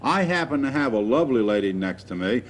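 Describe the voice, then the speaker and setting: Man from new jersey, talk show host, jokey banter, mid-pitched voice, cafe setting. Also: animated, fast talker, slight background noise. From New Jersey, USA. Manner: joking, teasing banter. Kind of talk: casual interview.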